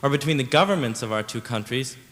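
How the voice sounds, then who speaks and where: A young adult male student asks an earnest, wordy question from the floor at a town hall, searching for words as he goes. His mid-range voice is fairly bright, with lively intonation and a fast pace. The large lecture hall gives the recording a long reverb.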